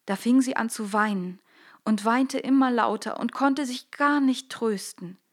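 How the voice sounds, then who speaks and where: A woman narrating a classic fairy tale with expressive storytelling. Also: on the high side, a little slow.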